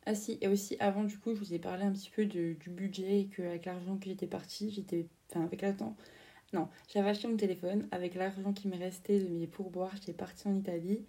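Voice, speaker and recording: A young woman from France in her twenties tells a story in a loose, chatty podcast style, full of fillers and slang. Her voice is very dark and mellow, with a gravelly edge. She sits a little back from the mic. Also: medium pitch, steady tone, fast, recorded from a distance. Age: 20s. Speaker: podcast host.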